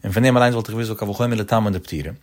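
A man giving a Talmud study lecture in a sing-song study cadence, often rising in pitch at the ends of his phrases. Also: very fast, a little mellow. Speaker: Talmud teacher.

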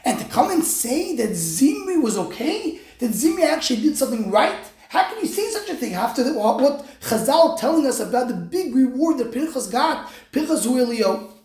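Casting: female religious lecturer, higher-pitched, emphatic explainer, recorded in an echoing room. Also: big pitch swings, normal speed, a little mellow. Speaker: religious teacher. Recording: roomy, echoing sound.

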